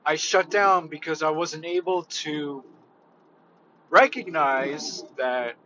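Hesitant man vlogger, slow and bright-toned, lo-fi recording. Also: on the high side, a little hiss or hum. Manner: hesitant, halting, heavy on fillers. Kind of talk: casual reflective monologue.

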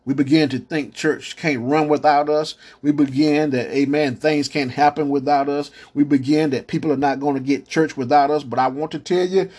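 A man's voice: fairly high pitch, steady tone, normal speed, hardly any pauses, darkish tone, husky. A man preaching a podcast sermon, punctuating lines with amens and stammered restarts, calling out to the church.

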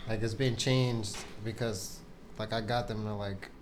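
A man co-hosting a podcast who chats in a relaxed way, laughing often and repeating words. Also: fairly low pitch, a little slow, background noise. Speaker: podcast co-host. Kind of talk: casual podcast chat.

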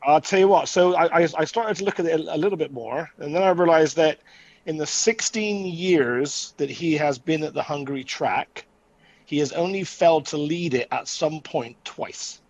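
A man's voice: fairly high pitch, normal speed, no room sound, low-quality recording. A man co-hosting a sports show, talking through statistics in a casual, chatty way. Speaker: co-host presenting stats.

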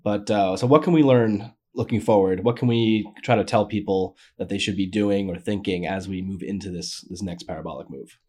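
Male podcast host, husky, jokey, talks straight to the listeners. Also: on the low side, fairly quick, few pauses, mellow. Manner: jokey, addressing listeners as folks. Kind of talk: casual podcast chat.

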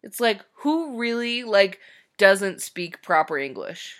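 Bright-voiced chatty woman. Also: mid-range voice, sing-song, takes it slowly. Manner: chatty, laughs often, tired and sighing at times. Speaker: podcast co-host. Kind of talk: casual chat.

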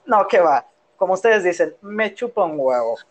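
A man's voice: high-pitched, sing-song, moderate pace. A man from Yucatán in Mexico with a Yucatecan accent, co-hosting a casual podcast in a playful, rambling way, recorded on a phone in his room. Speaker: podcast co-host. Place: his own room at home.

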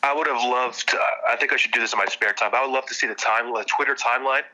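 A man's voice: medium pitch, steady tone, fast talker, bright, forceful tone, low-quality recording. A man co-hosting a sports podcast, chatting casually with frequent stammered restarts. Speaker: podcast co-host.

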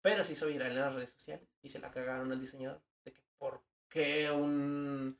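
A young man with a northern Mexican accent, a guest in a casual podcast chat, telling animated stories full of slang and acted-out quotes. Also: medium pitch, racing, creaky. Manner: animated storyteller, slangy, acts out quoted voices. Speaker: guest, advertising designer.

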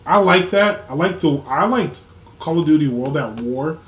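A man's voice: a little high, lively intonation, moderate pace. A young man co-hosting a casual podcast chat, laughing often and acting out the voices in his stories. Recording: echoey room with faint ambience.

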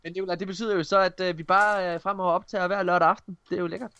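Higher-voiced man hosting a casual podcast. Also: flat delivery, sharp tone, clean tone, no echo, dull audio. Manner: informal, swearing, joshing. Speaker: podcast host. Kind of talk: casual chat.

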